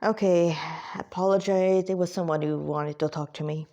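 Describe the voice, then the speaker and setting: A woman reads her own fan fiction aloud as an amateur storyteller, informal and prone to stumbles, self-corrections and casual asides. Her voice is fairly low, steady and mellow at a moderate pace, and the recording sounds muffled.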